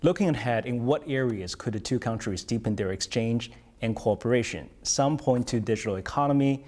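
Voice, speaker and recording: A man's voice: mid-range voice, fairly quick, a little mellow. A man interviewing formally, putting prepared broadcast questions in an articulate way.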